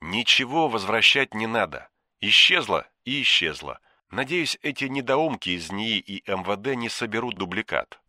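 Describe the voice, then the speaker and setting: Brief: man playing a menacing male boss giving orders down the phone; low-pitched, hushed, slow, contemptuous. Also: big pitch swings, no room sound, clean studio sound, full character voice. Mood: menacing, cold. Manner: quiet, contemptuous, slow and deliberate. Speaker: shadowy superior giving orders.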